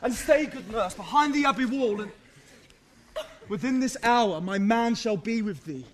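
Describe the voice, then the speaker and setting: A man playing an eager young man in love in a Shakespeare play, giving hurried instructions. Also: very high voice, lively intonation. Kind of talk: Shakespeare stage acting.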